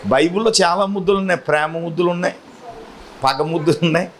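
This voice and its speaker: In church, a male pastor preaches a lively, teasing sermon, urging the congregation to call out answers. His voice is fairly high and his delivery is fast.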